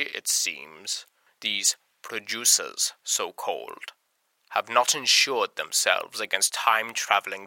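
A man's voice: lowish voice, creaky, bright, forceful tone, dry recording, full character voice, rough recording. A man voicing a pompous, fussy male professor character who talks in grand, archaic phrases. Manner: pompous, theatrical, archaic words. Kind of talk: comedic podcast intro in character.

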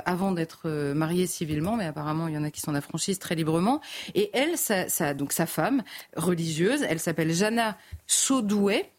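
A woman on a television debate panel, recounting court testimony with many hesitations and restarts. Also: on the low side. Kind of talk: live TV news debate commentary.

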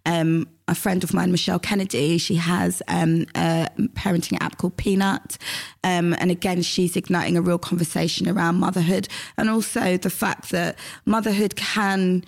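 A woman in her late thirties, a mother of three, chatting relaxed as a podcast guest. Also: lowish voice, normal speed, gravelly. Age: late 30s. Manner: relaxed, chatty, with frequent "um" and "you know". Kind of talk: casual interview chat.

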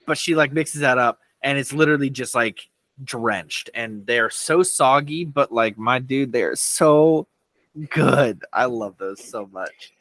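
Goofy podcast guy with a really bright, sharp voice, super dry sound. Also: medium pitch, a little slow, dry recording. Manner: animated, playful. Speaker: podcast co-host. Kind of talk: casual chat.

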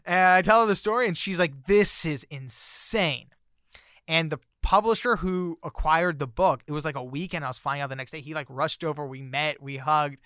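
A man's voice: a little high, brisk, hardly any pauses, clear, resonant tone, no echo, clean studio sound. A man telling a personal story as a guest author, in a casual chatty way with lots of fillers. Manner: chatty, many fillers, grows excited when recounting surprises.

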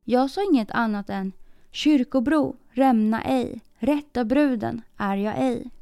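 A woman voicing a steadfast, humble young maiden in a storybook reading, speaking calmly in sing-song rhymes. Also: a little high, clean tone, no room sound, clean studio sound, faint music behind, close to an everyday voice. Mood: rhyming.

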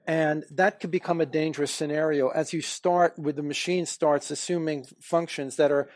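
Halting man explaining as a panelist. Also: a little high, fairly even intonation, no room sound. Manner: halting, many restarts and fillers. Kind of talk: expert discussion.

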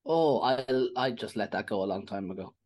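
A man, a comedian guest trading dry, deadpan jokes in casual chat. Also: on the low side, a little fast, poor audio. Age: 30s.

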